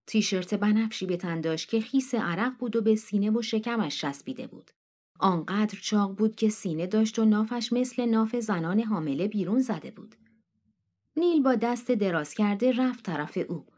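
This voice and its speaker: A woman narrating a short story as an audiobook in a steady, even manner. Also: medium pitch.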